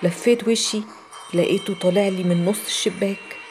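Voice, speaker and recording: A woman with an Egyptian Arabic accent narrating a scripted first-person horror story at a brisk pace, with loud music under her voice. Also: mid-range voice, fairly even intonation.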